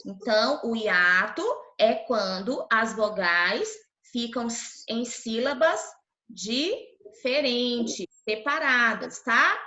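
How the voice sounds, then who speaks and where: A Brazilian primary school teacher gives an online class to young children, patiently sounding out syllables and checking in often. Her voice is on the high side, pushed and bright, with lively intonation and a slow pace. The video-call audio is roomy, dull and lo-fi.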